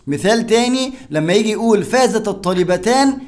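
Fast-talking Egyptian teacher, man. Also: high voice, lively intonation, a little mellow. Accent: Egyptian Arabic. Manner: explains step by step, asks and answers his own questions. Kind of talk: grammar lesson.

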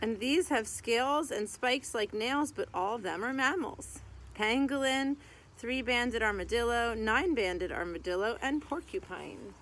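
Beside a tree in a garden, with birds and a rooster in the background, a woman in her thirties reads a picture book for children on a low-quality recording. Her voice is a little high, a bit bright, expressive and a little slow, and she reads like a teacher, phrase by phrase with short asides.

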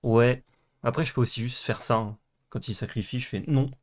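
Young guy playing a card game with his buddy, jokey and goofy, yelps when something big happens, pitch sits right in the middle. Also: normal speed. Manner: playful, bursts into excited exclamations. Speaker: co-host and card game player. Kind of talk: casual gameplay chat.

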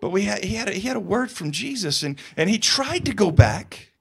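A male pastor delivers a sermon in a chatty, storytelling way, sprinkling in humor. His voice sits notably high for a man, and he keeps it lively and conversational throughout. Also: brisk, vocal fry, husky.

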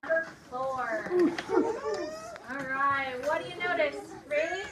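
A woman teacher leading a phonics dictation lesson, modeling each word slowly sound by sound and giving clear, encouraging prompts to the children. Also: sits high. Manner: slow, sound-by-sound modeling of words. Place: classroom. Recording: echoey room, distant mic, loud hiss.

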